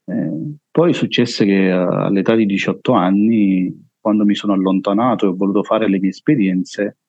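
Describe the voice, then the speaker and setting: Deep, heavy-voiced man with a Neapolitan accent. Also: normal speed, darkish tone, no room sound, highs cut off. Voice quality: heavy, full voice. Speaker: interview guest. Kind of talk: personal testimony.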